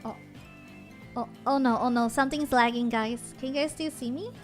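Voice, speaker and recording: A VTuber streamer with a slightly high voice chats casually at normal speed, giggling and switching between English and Japanese, with soft music in the background.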